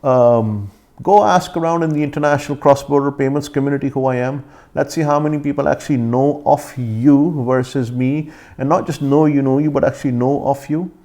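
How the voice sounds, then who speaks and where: A man's voice: mid-range voice, brisk, dark tone. A man with an accent giving an indignant rebuttal vlog, confronting his critic directly. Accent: foreign accent. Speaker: vlogger.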